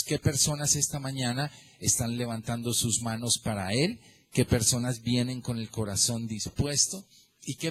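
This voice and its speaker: A man with a Colombian accent preaching a sermon as pastor, lively, calling on listeners by name and asking them questions. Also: mid-range voice. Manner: animated, addresses listeners by name, asks rhetorical questions.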